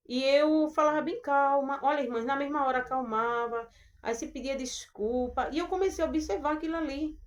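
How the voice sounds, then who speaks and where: A woman with a Brazilian Portuguese accent preaches a devotional message in a gentle, earnest way. Her voice sits a little high for a woman. She talks straight to her listeners and calls them sisters. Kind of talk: devotional Bible talk.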